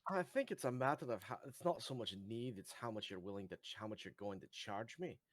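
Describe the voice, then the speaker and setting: A man's voice: fairly low pitch, quick pace. Casual man playing a tabletop game. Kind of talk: casual haggling chat.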